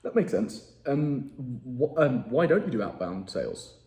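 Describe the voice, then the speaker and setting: English man, cold sales calls, direct, chatty, warm tone, echoey room. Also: medium pitch, sing-song, unhurried. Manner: direct, chatty, self-deprecating. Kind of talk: live cold calls with asides to camera. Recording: roomy echo.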